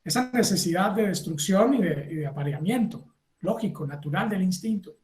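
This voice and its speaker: A man giving a university lecture, lively, acting out little scenes and asking the class if they follow. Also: sits high, a little fast, roomy sound. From Colombia. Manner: animated, acts out little scenes and asks the class for agreement.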